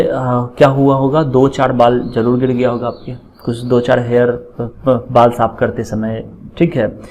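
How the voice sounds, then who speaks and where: A man giving a chemistry lecture, explaining slowly, checking in often and dictating formulas word by word. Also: mid-range voice, a little hiss or hum, rough recording. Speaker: chemistry teacher. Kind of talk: classroom lecture.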